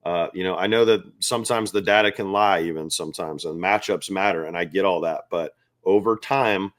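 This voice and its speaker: A man's voice: sits low, a little fast, a bit bright. A man hosting a sports betting picks show, talking loosely and with amusement straight to his viewers. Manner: chatty, loose and self-amused, talks straight to viewers as "guys". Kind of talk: casual talk to camera.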